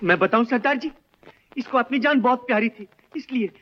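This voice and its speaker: An actor playing a desperate young village informant who pleads, swears oaths and speaks emotionally, in an old film melodrama. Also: male voice, very high voice, fairly quick. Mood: accusing. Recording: dull old film soundtrack.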